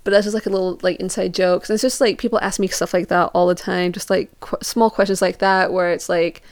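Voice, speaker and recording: Brisk and fairly low-pitched, with little pitch movement, this young woman's voice comes through a dry recording. She's from Portugal and England and tells personal stories in a casual, chatty way, using "like" often and performing quoted questions.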